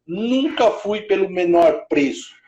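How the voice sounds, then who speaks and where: A man's voice: sits high, lively intonation, takes it slowly, a little mellow, echoey room, muffled recording. A middle-aged man, a building manager, telling his career story in a casual interview, rambling with many restarts. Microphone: video call.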